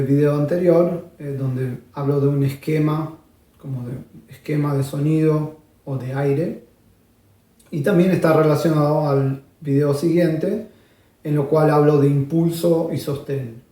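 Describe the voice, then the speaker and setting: Echoey, dark-voiced music teacher. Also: male voice, a little high. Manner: thoughtful, many "eh" pauses, demonstrates sounds. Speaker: bandoneon teacher. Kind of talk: instructional video lesson. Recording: roomy, distant mic.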